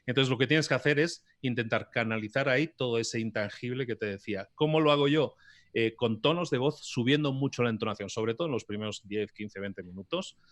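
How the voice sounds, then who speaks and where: Male podcast guest, animated explainer, mid-pitched, dry close miking. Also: a little fast, no room sound. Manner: animated, explanatory, gesturing while speaking. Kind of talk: conversational interview. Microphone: podcast mic on an articulated arm.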